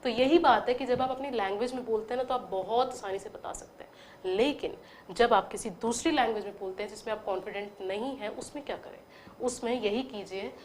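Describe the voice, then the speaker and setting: A woman leads an online spoken-English lesson, her voice sitting a little high. She explains patiently and slows right down to model each English phrase with careful intonation. A faint ambient hum sits under the recording. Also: darkish tone. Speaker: English teacher.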